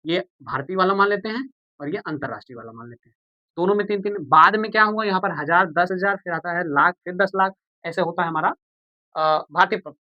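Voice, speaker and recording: A man's voice: high-pitched, brisk, no echo, highs cut off. A man teaching a maths lesson, patient and repetitive, who asks the viewers questions and answers them himself. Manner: patient, repeats steps, calls viewers "beta" and "bhaiya".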